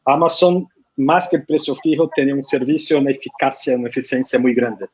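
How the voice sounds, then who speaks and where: In a muffled recording, a man from Brazil answers conference questions in Spanish as a guest publishing consultant, his Brazilian Portuguese accent clear. His voice is medium-pitched, steady, darkish and slightly rough, fairly quick, yet hesitant and riddled with fillers and restarts.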